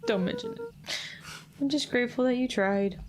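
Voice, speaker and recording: A woman's voice: a little high, sing-song, moderate pace, a little mellow, slight background noise. A woman reading the lines of an earnest young boy hero in her own voice.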